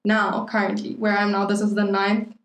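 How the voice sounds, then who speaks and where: A woman's voice: medium pitch, monotone, normal speed. Chatty young woman in a roomy echo. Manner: rambling, playful, heavy on "like". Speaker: podcast co-host. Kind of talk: casual chat.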